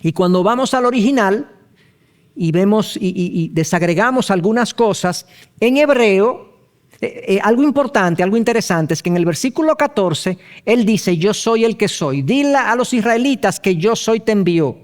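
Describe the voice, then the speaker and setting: A male pastor teaching a Bible study, explaining step by step, asking rhetorical questions and spelling terms out slowly. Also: high-pitched, expressive.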